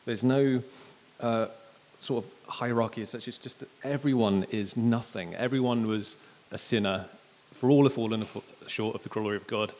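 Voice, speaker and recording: Chatty preacher in an echoing hall. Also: male voice, medium pitch, moderate pace. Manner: casual, chatty and animated, with jokes and acted quotes. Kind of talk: sermon.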